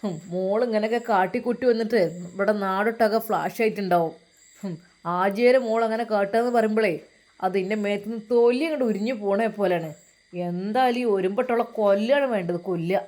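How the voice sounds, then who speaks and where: A woman voicing an angry, stern middle-aged father who shouts accusations and threats. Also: mid-range voice, fast, voice pushed down, close to an everyday voice. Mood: furious.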